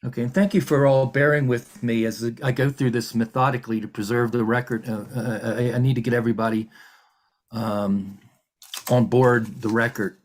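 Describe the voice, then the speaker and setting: A man's voice: mid-range voice, steady tone, normal speed. A man working as a hearing examiner, running formal proceedings over a video call in a polite, methodical way with frequent fillers and restarts.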